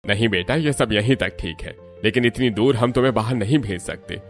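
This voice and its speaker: A man's voice: fairly low pitch, fairly quick, faint music behind, natural voice. A man voicing a strict, domineering older father in a cartoon, stern and commanding. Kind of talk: cartoon voice acting.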